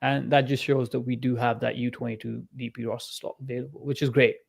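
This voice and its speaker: A man's voice: mid-range voice, little pitch movement, fast talker, gravelly, slightly rough. A man co-hosting a casual podcast, enthusiastic and laughing easily. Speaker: podcast co-host. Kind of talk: casual chat.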